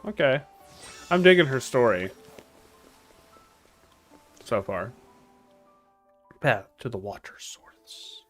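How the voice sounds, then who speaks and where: A man's voice: mid-range voice, sing-song, slow, pauses often. A man doing casual, playful, slangy video game commentary with game music behind him.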